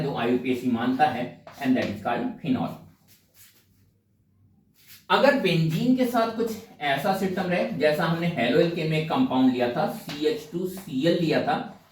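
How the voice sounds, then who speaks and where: A man teaching a chemistry lesson, asking questions and answering them himself and slowing down to spell out names term by term. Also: fairly high pitch, echoey room, recorded from a distance. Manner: asks questions then answers them, mixes in English phrases. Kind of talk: explaining a lesson.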